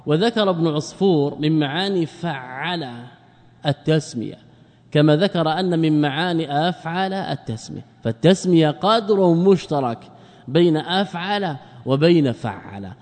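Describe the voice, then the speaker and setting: A man's voice: a little high, a little mellow, long reverb tail. A male sheikh teaching a grammar lesson, often asking and answering his own questions and repeating words for emphasis. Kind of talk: classroom lecture on Arabic grammar.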